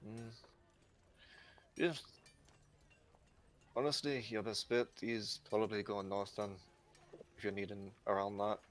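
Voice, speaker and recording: A man's voice: on the low side, little pitch movement, unhurried, pauses often, natural voice. Man doing an Irish-accented woman blacksmith. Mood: businesslike. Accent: Irish, put on. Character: short red-haired woman blacksmith, early thirties, brisk. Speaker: game master.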